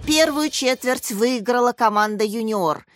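A woman voicing Pyotr, a male school PE teacher acting as referee, announcing in a loud, formal manner. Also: on the high side, unhurried, no echo, faint music behind, lightly acted.

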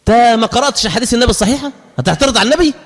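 Preacher putting on a higher, smug Egyptian factory boss, cocky and argumentative, in a reverberant hall. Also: male voice, racing. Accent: Egyptian Arabic. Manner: mock-confident, arguing. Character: smug man, factory boss, excuses himself from prayer. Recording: long reverb in a large hall.

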